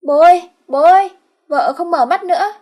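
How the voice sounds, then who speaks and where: A woman's voice: sits high, expressive, unhurried, pitched above the performer's own voice. A woman voicing a simple-minded, brutal young village man who talks like a child and calls himself by name. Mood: panicked.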